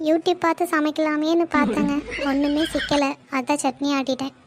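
A woman plays her part in short comedy skits, bantering and trading jokes. Her voice is notably high. A clear layer of noise runs under the recording. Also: fairly even intonation, normal speed. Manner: playful, bantering. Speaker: comedy sketch performer. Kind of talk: comic skits. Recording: noisy recording.

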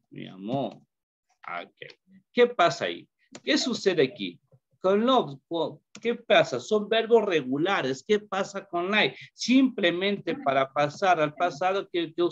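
Hombre profesor de inglés, habla lento. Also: male voice, medium pitch. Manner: slow, repeats questions to students, mixes English into Spanish. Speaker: English teacher. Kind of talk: online class lesson. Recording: dull lo-fi call audio.

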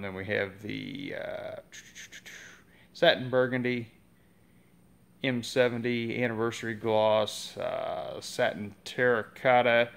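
A man's voice: on the low side, vocal fry, clear, resonant tone. A man giving a casual, rambling update while walking through his motorcycle shop, filming on a phone. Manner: relaxed, rambling, many "uh" fillers. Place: large indoor motorcycle shop and showroom. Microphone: phone camera held while walking.

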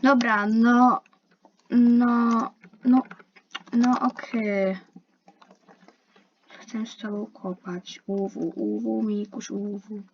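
A woman's voice: a little high, little pitch movement, extremely slow, vocal fry, long pauses. Young woman chatting over a game, lo-fi. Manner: chatty, complaining, talks to herself and other players. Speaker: gaming youtuber. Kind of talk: casual gameplay commentary. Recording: dull lo-fi mic with faint hiss.

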